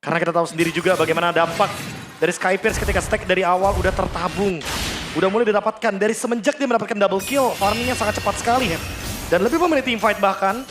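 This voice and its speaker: A man's voice: sits high, fast. An Indonesian man giving conversational, explanatory commentary as an analyst on an esports match. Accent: Indonesian, colloquial. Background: music.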